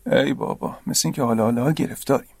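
A patient, earnest young roommate, played by a man in a radio drama, with a mid-pitched voice recorded close and dry. He explains things step by step and sounds mildly exasperated. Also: dry recording, natural voice.

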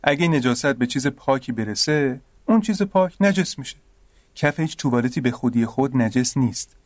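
A patient, earnest young roommate, played by a man in a radio drama, with a mid-pitched voice recorded close and dry. He explains things step by step and sounds mildly exasperated. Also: lively intonation, no room sound, natural voice.

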